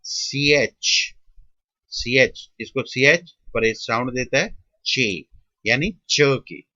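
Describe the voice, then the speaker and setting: A man teaching shorthand step by step, drawing out and repeating each sound with pauses, in an Indian Hindi-English mix. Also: mid-range voice, pushed and bright, no room sound, dull audio. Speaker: shorthand tutor. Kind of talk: step-by-step classroom explanation.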